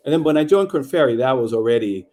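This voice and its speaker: A middle-aged man from Peru, a guest author talking in a measured, reflective way with many fillers over a video call. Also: mid-range voice, animated, warm tone, a little hiss or hum. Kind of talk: conversational interview.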